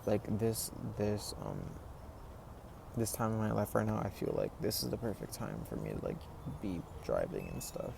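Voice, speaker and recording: A man's voice: on the low side, expressive, moderate pace, vocal fry. Rambling young man in his twenties. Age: 20s. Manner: rambling, full of "like" and "you know", restarts. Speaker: vlogger. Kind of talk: casual reflective monologue. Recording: noisy background ambience.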